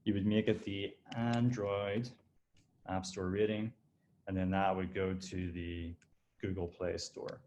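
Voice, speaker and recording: A man giving a relaxed, explanatory software walkthrough as a design director, often restarting his phrases as he clicks through a demo. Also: low voice, takes it slowly, highs cut off, a little hiss or hum. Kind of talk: screen-share software walkthrough.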